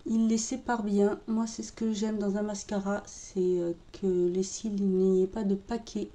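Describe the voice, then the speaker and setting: Mellow-voiced woman narrating a makeup tutorial. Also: mid-range voice, measured pace. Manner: calm, step-by-step, talking while working. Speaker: makeup vlogger. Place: home room with birdsong outside.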